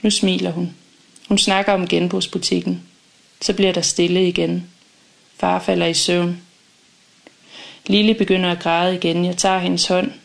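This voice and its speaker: Low, gravelly woman narrating an audiobook. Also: little pitch movement, long pauses. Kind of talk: first-person audiobook narration.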